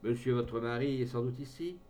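Reading aloud in a mid-range, dark voice at normal speed, a man lightly acts out a gallant, blunt cavalry colonel. The character is hesitant and unsure around women but bluff with his friends.

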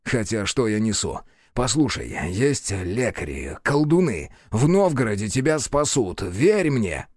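Man doing a rough, shouting monster hunter. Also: on the low side, very animated, a little slow, few pauses, no room sound, clean studio sound, voice pushed down. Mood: pleading. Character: rough male monster hunter, brash and foul-mouthed. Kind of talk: audiobook character voice.

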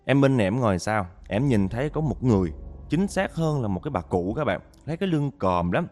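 A man's voice: medium pitch, big pitch swings, a little fast, darkish tone, soft background music. A man narrating a listener's ghost story, talking straight to his audience with dramatic storytelling.

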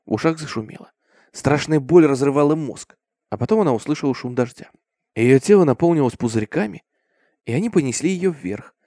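A man's voice: mid-range voice, no room sound, studio quality. A man narrating a horror story in a grave, dramatic reading voice. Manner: grave, darkening to a hush in grim passages.

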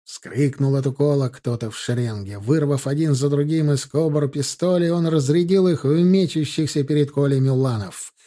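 Man, audiobook narrator, raised pitch, mellow, even storytelling. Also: normal speed, few pauses. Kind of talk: scripted narration.

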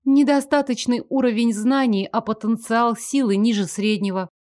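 A woman voicing a timid, eager young serving girl in a higher, soft, deferential voice. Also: fairly even intonation, normal speed, no room sound, studio quality, close to an everyday voice. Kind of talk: audiobook character voice.

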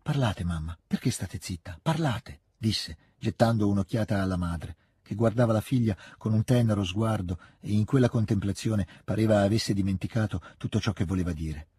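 Husky Italian man reading a novel aloud. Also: on the low side, fairly quick, hardly any pauses, warm tone, no room sound, clean studio sound. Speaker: audiobook reader.

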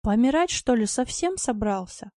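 Brief: brash hot-headed yard tomcat, voiced by a woman reader; gruff, blunt, a bit raised. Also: a little high, lively intonation, moderate pace, dark tone, no echo, studio quality, natural voice. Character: rough, brash yard tomcat, quick-tempered.

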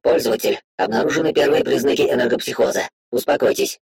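A man voicing an inner system that makes flat, formal announcements in an audiobook. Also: medium pitch, fast talker, vocal fry, husky. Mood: announcing. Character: cold system voice in a boy's head. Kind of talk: audiobook reading.

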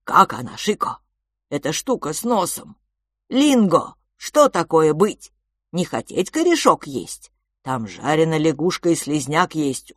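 A woman's voice: fairly low pitch, dry recording, studio quality. A woman voicing a jolly, greedy male cave creature who lists food with glee in broken grammar. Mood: coaxing. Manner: broken grammar, gleeful, exclamatory.

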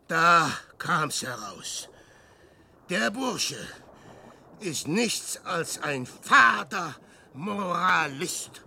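Gravelly old Peer Gynt, wildly animated. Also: male voice, on the high side, very slow, a little hiss or hum, exaggerated voice. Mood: scornful. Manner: declamatory, swinging between shouts and murmurs. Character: old boastful, mocking wanderer, restless and defiant. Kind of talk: theatrical radio drama acting.

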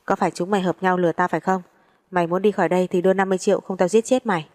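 A woman's voice: fairly low pitch, steady tone, rapid-fire, a little mellow, lightly acted. A woman reading the part of a brutal male debt collector, who speaks in a coarse, contemptuous, menacing way in a storybook reading.

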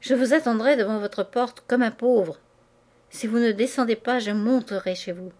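A woman's voice: fairly high pitch, moderate pace, a little mellow, close to an everyday voice. A woman reading aloud, voicing an ardent young man who urgently presses a married woman to see him. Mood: pleading. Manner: urgent, insistent pleading.

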